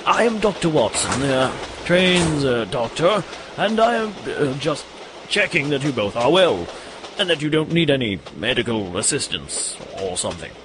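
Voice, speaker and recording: An actor playing a bumbling, easily flustered English gentleman doctor in an audio comedy drama, polite and hesitant. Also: medium pitch, very animated, normal speed, close to an everyday voice. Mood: polite, awkward. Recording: train ambience and noise behind.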